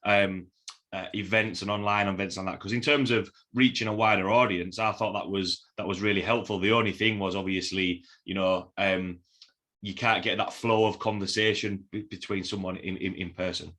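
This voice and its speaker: Male podcast host, broad Yorkshire accent, low pitch, bright forceful tone, halting casual delivery with repeated words. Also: steady tone. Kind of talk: casual interview chat.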